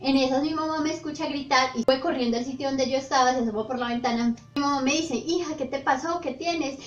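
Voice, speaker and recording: A young woman tells her own eerie experiences in a lively, breathless storytime. Her voice is fairly high. The sound is roomy and a little dull, with faint music underneath. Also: fast. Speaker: vlogger. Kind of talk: storytime narration. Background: faint background music.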